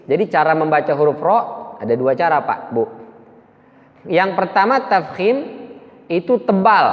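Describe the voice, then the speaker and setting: Male ustadz giving a slow tajwid lesson, long mosque reverb, muffled lo-fi sound. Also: sits high. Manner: explains slowly, demonstrates recitation. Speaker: preacher.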